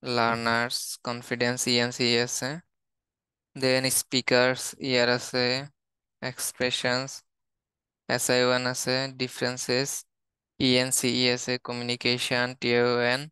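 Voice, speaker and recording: A man's voice: medium pitch, a little slow, clean tone, no echo. A man with a Bangladeshi accent, an English teacher reading out a word list one word at a time in a lesson. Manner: steady, listing words one by one.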